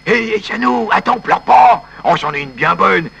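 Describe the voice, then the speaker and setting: A man's voice: high voice, lively intonation, normal speed, gravelly, fairly bright tone, slightly rough, dull audio, full character voice. A man voicing a tactless fellow who mocks and fusses over a weeping friend in a comic sketch. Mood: jokey. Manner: bossy, mocking, fussing.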